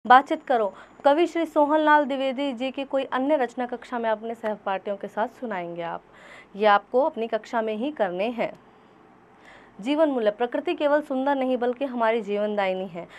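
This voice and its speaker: Lady teacher doing a kids' workbook lesson, slightly high voice, slow and patient, breaks words into sounds. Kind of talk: textbook exercise lesson for children.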